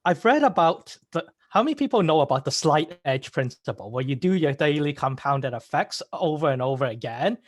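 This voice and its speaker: A man giving a prepared speech over a video call, halting and correcting himself, clearing his throat. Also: a little high, sing-song, no echo, studio quality. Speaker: club member giving a speech.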